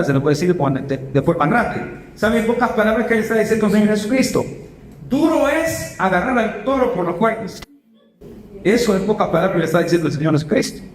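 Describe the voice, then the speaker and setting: A man preaching a sermon as pastor, asking his congregation questions and shifting between quick and slow phrasing. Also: high-pitched, echoey room, slight background noise, rough recording. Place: church hall.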